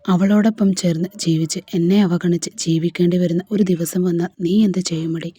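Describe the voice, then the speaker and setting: A woman's voice: on the low side, little pitch movement, a little fast, mellow, breathy edge, no room sound, clean studio sound. A woman reading a storybook part of a hurt young husband who pleads with his wife.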